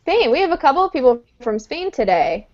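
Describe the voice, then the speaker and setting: Lady teaching english over a video call, kinda high voice, lots of um, muffled lo-fi sound. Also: big pitch swings, fairly quick. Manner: patient, explains step by step with frequent "um". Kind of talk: live online lesson. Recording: dull lo-fi online call audio.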